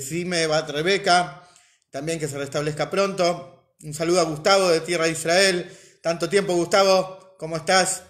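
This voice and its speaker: A man giving a weekly religious class. He explains as he goes, rephrases his points and asks rhetorical questions. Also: on the high side. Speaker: religious teacher.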